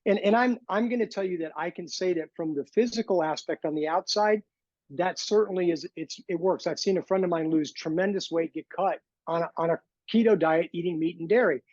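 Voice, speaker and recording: A man with a notably high voice talks through his story in a relaxed, lighthearted way, with a quirky streak in his humor. He sounds middle-aged. The sound is dry and muffled, as if recorded on a lo-fi line. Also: a little fast, dry recording. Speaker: podcast guest, former bodybuilder. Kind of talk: casual storytelling interview. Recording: dull lo-fi sound.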